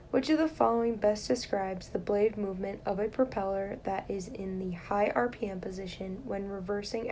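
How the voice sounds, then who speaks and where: A woman reading aloud written and oral exam study questions and their answers, in a steady, plain reading manner. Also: mid-range voice, vocal fry, slight background noise.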